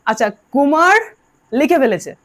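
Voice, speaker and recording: A Bengali woman gives a classroom lesson on English grammar, drilling her pupils and prompting them to answer aloud. Her high-pitched voice is a bit bright, with lively intonation and a normal speed.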